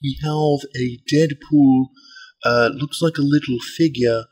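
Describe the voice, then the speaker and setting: A man putting on a polite, earnest golf commentator, giving measured, deliberate mock sports commentary. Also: medium pitch, fairly even intonation, darkish tone, lightly acted. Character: mock golf announcer, male, polite, earnest, calling an unboxing.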